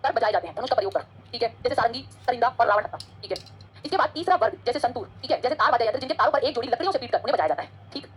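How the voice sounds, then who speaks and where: Teacher, female, rapid-fire exam-prep lecturing, a little husky, pitched slightly high. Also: animated, a little hiss or hum. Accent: Hindi-English code-switching. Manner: fast, chatty, switches between Hindi and English.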